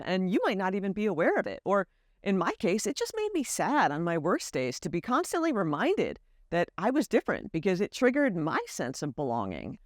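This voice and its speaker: A lowish-voiced woman from the United States, a vlogger, tells a personal story to camera with earnest candor and lively emphasis. The sound is clean studio audio without echo.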